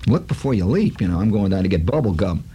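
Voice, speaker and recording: A man's voice: lowish voice, lively intonation, fast talker, warm tone, a little hiss or hum. A man from Chicago hosting a radio show, telling a rambling, wry story full of asides. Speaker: radio host. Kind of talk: storytelling monologue.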